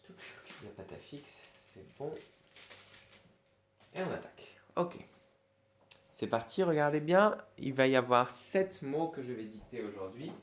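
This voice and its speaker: A man's voice: mid-range voice, expressive, measured pace, long pauses. A man guides young pupils through a dictation game, spelling words out letter by letter and humming where a word is missing. His speech is patient and encouraging. The room sounds echoey, with faint background hiss. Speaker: teacher. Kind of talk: classroom dictation lesson.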